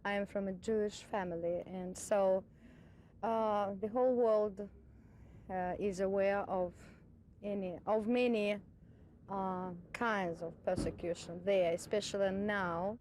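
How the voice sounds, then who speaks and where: A woman from Russia with a Russian accent, giving an interview answer in halting non-native English. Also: steady tone, a little mellow. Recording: low rumble, location interview.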